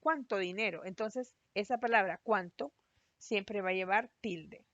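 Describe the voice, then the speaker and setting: A woman teacher giving a recorded class, explaining patiently and spelling out syllables slowly. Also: medium pitch, no echo. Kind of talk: recorded online class lesson. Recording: dry, slightly dull lo-fi voice-over.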